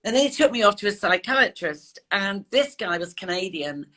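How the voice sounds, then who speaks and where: An older woman, a guest on an interview, earnestly recounts a painful personal experience in an emotional account, quoting the words of people she spoke to. Her medium-pitched voice is expressive and a bit bright, at a moderate pace.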